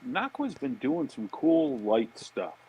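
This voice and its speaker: A man's voice: mid-range voice, sing-song, takes it slowly, a crowd in the background, low-quality recording. An American man chatting casually as a podcast guest, laid-back and informal. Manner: laid-back, informal, repeats agreement words. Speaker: podcast guest, fishing industry marketer. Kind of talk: casual chat.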